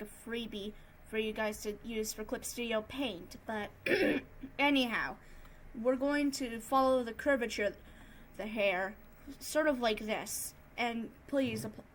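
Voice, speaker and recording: A woman narrating an improvised tutorial in a casual, subdued and somewhat monotone way. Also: a little high, slight background noise, poor audio. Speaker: tutorial host, digital artist.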